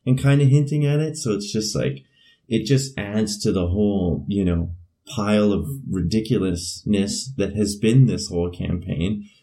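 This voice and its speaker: A man's voice: lowish voice, normal speed, mellow. A man with a Canadian accent chatting casually and loosely as a podcast co-host, often dropping in "you know". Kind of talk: casual chat.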